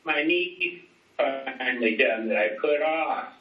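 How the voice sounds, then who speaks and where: Man on a choppy group video call, slow, earnest, distant and echoey. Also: mid-range voice. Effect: audio over a group video call, cutting out. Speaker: local official. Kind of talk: remarks in an online public meeting. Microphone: computer mic on a video call. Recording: lo-fi roomy call audio, distant mic.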